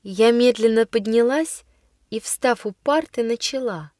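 A woman narrating a first-person story in a measured storytelling way. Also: a little high, darkish tone, no room sound, studio quality. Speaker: audiobook reader.

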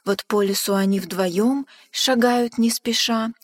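A woman narrating a rhymed children's story with an even, rhythmic delivery. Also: on the high side, slow pace. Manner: even, rhythmic verse reading. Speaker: storybook reader. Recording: long hall reverb.

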